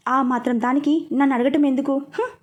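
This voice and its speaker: A woman's voice: sits high, steady tone, brisk, dull audio, close to an everyday voice. A woman voicing a sulky, playful young woman in a storybook reading, pouting and teasing.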